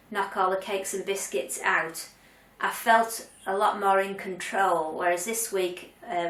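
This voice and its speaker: A woman's voice: mid-range voice, a bit bright. Chatty woman vlogging in a roomy space. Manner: chatty and candid, with frequent ums and restarts. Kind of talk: casual chat to camera. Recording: roomy sound, mic at a distance.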